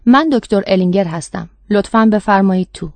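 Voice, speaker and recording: A woman's voice: medium pitch, a little mellow, no room sound, close to an everyday voice. A woman voicing a creepy, courteous old doctor. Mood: polite, eerie. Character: eerie older male doctor, collector of last breaths.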